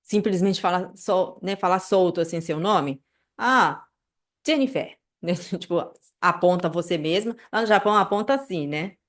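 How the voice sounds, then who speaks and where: A woman teaching a casual live online class, chatty and animated, checking in with listeners often. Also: fairly low pitch, normal speed. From Brazil. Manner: chatty, many fillers like "né" and "tá", animated asides. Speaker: Japanese language teacher.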